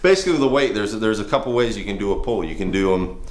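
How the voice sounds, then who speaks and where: A man's voice: on the low side, animated, rapid-fire. A man in his thirties, a firefighter and trainer, giving a casual, earnest workout demo in a home garage, rambling with restarts.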